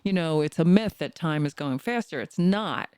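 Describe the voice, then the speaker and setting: A woman's voice: low voice, animated, moderate pace, darkish tone, smooth, no room sound, studio quality. A woman in her sixties co-hosting a podcast, chatting casually and teasing playfully. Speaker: podcast co-host. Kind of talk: casual chat.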